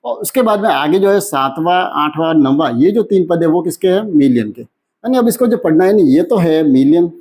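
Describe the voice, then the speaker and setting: A man teaching a maths lesson in who keeps asking questions and answering them himself, slowing down when he reads out numbers. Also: fairly high pitch, animated, a little mellow, husky. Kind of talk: classroom lesson explanation.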